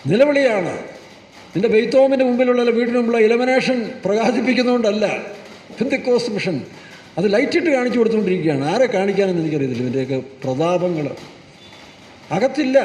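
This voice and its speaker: A man preaches in a scolding tone, firing rhetorical questions at his congregation. His voice sits high for a man. He is recorded from a distance in a church hall with a long, roomy echo. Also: darkish tone. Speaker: pastor. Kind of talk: sermon. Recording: echoey hall, mic far off.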